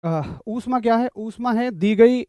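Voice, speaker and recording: A man's voice: very high voice, measured pace, dark tone, smooth, dry recording, clean studio sound. A man teaching physics in a classroom lecture, explaining through a story and asking students to confirm they follow.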